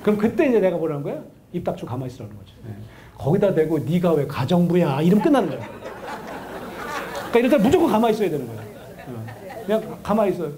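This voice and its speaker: A middle-aged man, a counseling professor, giving a lively lecture to an audience and acting out the voices of a wife and husband. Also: sits high, fast, a faint crowd. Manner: animated, acts out quoted voices of a wife and husband.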